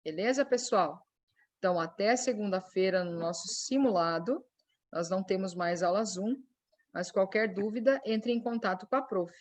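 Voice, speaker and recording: A woman teacher, explaining a class exercise slowly and often checking in with her students. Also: medium pitch. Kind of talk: recorded online class.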